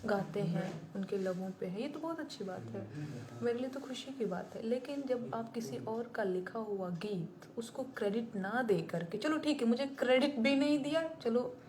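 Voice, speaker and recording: A woman's voice: a little high, moderate pace, a little mellow. Blunt, indignant woman on a live stream. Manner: blunt and indignant, plain-spoken. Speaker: singer-songwriter. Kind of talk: live-stream talk to viewers.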